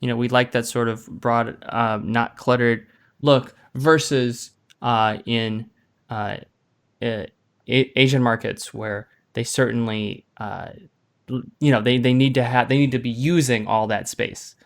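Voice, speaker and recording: Smooth-voiced male podcast host. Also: medium pitch, a little slow. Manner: relaxed, explains and asks follow-up questions. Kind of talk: casual interview chat.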